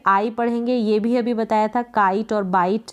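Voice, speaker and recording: A woman's voice: fairly high pitch, fairly even intonation, normal speed, clear, resonant tone. Patient woman teaching English letter sounds. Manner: patient and repetitive, restating each rule. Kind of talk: explaining phonics rules, reading letter pairs and example words aloud.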